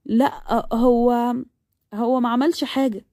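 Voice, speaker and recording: Woman doing a shy young egyptian woman, soft, hesitant, light pitch. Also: fast talker, dry recording, clean studio sound, lightly acted.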